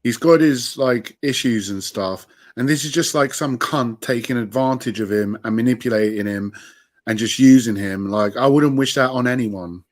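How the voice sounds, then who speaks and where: Brief: male panelist, average pitch, blunt, profane, conversational. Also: normal speed. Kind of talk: casual, profane panel chat.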